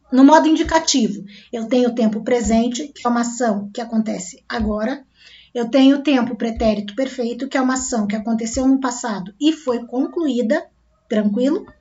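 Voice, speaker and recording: A woman's voice: fairly high pitch, darkish tone. A woman teacher with a Brazilian Portuguese accent, explaining step by step and often checking that her class is following. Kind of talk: recorded grammar lesson. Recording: dull lo-fi recording.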